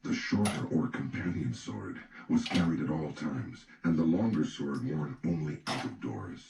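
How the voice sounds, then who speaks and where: A man with an extremely deep, gravelly, creaky voice narrates an audiobook in a measured, instructive yet animated manner. The recording is echoey and noisy, and he sounds far from the microphone.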